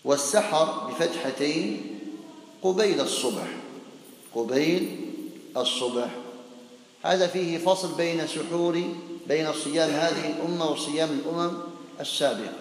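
A man teaching a classical Arabic lesson on hadith as a sheikh, explaining slowly and deliberately, dwelling on single words and putting questions to his students. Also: on the high side. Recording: echoey hall recording.

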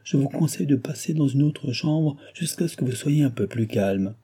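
A man's voice: medium pitch, animated, moderate pace, mellow, husky, pitched above the performer's own voice. A man voicing a stern male doctor who admonishes a young woman. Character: stern kindly male doctor, older, growing impatient.

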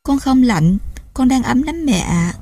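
A woman voicing a sad, loving ten-year-old girl in a storybook reading, speaking with gentle pleading. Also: sits high, animated, unhurried, husky, no room sound, pitched above the performer's own voice, full character voice. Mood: tender.

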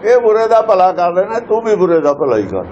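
Guy breaking down holy verses, kinda high voice, pushy questions, dull lo-fi sound. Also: sing-song, fairly quick, darkish tone, slight background noise. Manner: emphatic, with pointed rhetorical questions. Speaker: scripture teacher. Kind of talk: explaining scripture verses. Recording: dull lo-fi recording.

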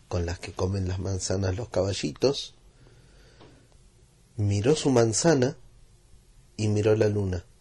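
A man's voice: on the low side, warm tone, breathy edge. A man narrating a children's story in a playful, repetitive rhythm.

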